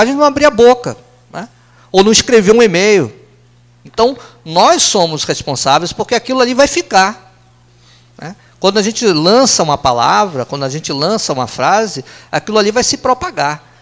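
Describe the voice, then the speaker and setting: High-voiced Brazilian man lecturing. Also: fairly bright tone. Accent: Brazilian Portuguese. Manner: conversational, tag questions "né?", quick aside jokes. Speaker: speaker giving a company lunch talk. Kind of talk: lecture to a live audience.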